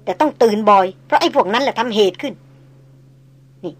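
A seasoned head hunter of the jungle, calm and unshaken, voiced by a woman reader. He speaks softly and evenly, keeping his words level. It is a storybook audiobook reading. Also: a little high, a little fast, breathy edge. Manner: quiet and level.

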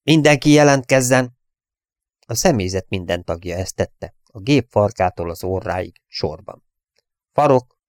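A man reading an audiobook in a steady, measured storytelling manner. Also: low-pitched, no echo. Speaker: audiobook reader. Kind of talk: audiobook narration.

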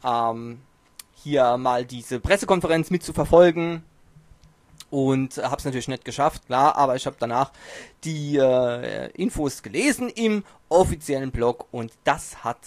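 Hosting a casual podcast in his small home studio, a man speaks at a measured pace in an animated, medium-pitched voice with no room sound. He jokes and teases himself, and his position relative to the home mic shifts from time to time.

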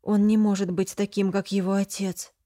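A woman's voice: mid-range voice, flat delivery, normal speed, dark tone, natural voice. A woman voicing a frightened young mother who pleads and protests emotionally in an audiobook. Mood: desperate. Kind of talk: audiobook character reading.

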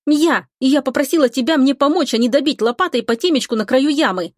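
A woman voicing an irritable, sharp-tongued young woman in an audiobook. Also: a little high, fast talker, no room sound, clean studio sound, pitched above the performer's own voice, close to an everyday voice. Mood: indignant. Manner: snappy, indignant grumbling. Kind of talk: audiobook character voice.

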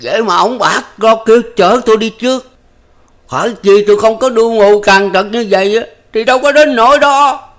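Man voicing a young scarred peasant, bitter, strained, pitched high and loud, storybook reading. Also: normal speed, lightly acted. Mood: anguished.

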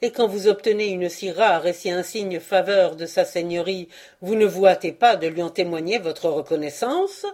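A woman reading aloud and voicing a drunken band of young men, fawning on their lord and mocking the old man with loud exclamations. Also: on the low side, moderate pace, lightly acted.

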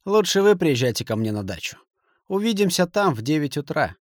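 A man reading an audiobook, voicing an agitated, hot-tempered middle-aged businessman who shouts and gives orders. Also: a little high, very animated, fairly quick, no echo, studio quality, pitched above the performer's own voice. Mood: angry. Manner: raised, shouting, forceful.

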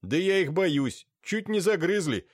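A man doing a kindly, gentle young man. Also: sits high, big pitch swings, measured pace, no room sound, clean studio sound, voice pushed up, full character voice. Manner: gentle, reassuring.

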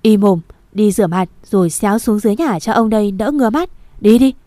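A harsh village father who shouts and threatens his grown daughter in a fast, raging storybook voice, as a woman reader puts him on. The tone is mellow and dark, recorded dry and close. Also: mid-range voice, lively intonation, no echo, natural voice. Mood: furious. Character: harsh angry village father, middle-aged man.

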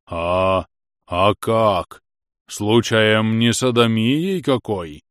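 A man's voice: fairly low pitch, takes it slowly, dry recording, studio quality. A man voicing a simple-minded male house spirit servant who drawls and pleads. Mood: drawling.

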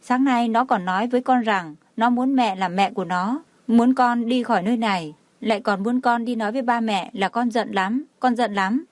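A woman's voice: on the high side, moderate pace, few pauses, close to an everyday voice. A jealous little girl pleads through her sobs in a storybook reading, as a woman reads her lines. She sounds aggrieved and close to the mic, in a dry room with no echo. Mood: tearful pleading. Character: tearful jealous little girl, four or five.

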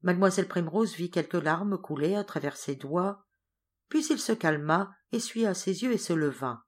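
Low-voiced woman reading a novel aloud. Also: moderate pace. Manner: expressive reading, voices each character. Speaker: audiobook reader. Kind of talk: scripted narration.

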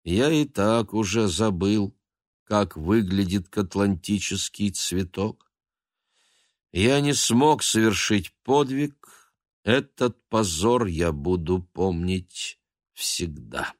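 Brief: male reader as a proud, melancholy house cat; slow, grave delivery with a wide swing in pitch. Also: animated, no echo, clean studio sound. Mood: mournful. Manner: mournful and solemn, bursting into shouts.

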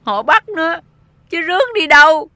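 A distraught older mother, voiced by a woman with a high, bright voice. She laments in bewilderment, recorded dry and close over faint music. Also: lively intonation, unhurried, dry recording, exaggerated voice.

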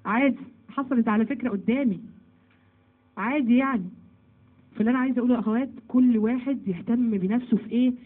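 A woman with an Egyptian Arabic accent teaching a Quran commentary lesson to women, lively and asking then answering her own questions. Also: a little high, fast, long pauses, phone-quality sound. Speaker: religious teacher.

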